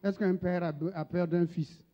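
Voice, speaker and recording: Emphatic preacher, lo-fi. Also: male voice, high-pitched, steady tone, normal speed, warm tone. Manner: emphatic, call-and-response preaching. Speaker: pastor. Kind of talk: sermon with interpreter. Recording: dull lo-fi church recording.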